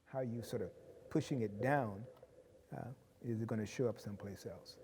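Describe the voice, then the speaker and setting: A man speaking in a measured, explanatory way with frequent pauses, in a reflective group discussion. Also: lowish voice, big-room sound, noisy background. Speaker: discussion panelist.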